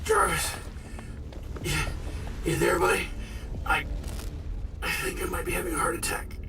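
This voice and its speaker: A man playing a cocky, quick-witted armored superhero inventor in a video game, clipped and sarcastic under pressure. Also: sits high, steady tone, vocal fry, in a whisper. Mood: pained, breathless. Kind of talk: scripted video game cutscene acting. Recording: distant voice under loud game music.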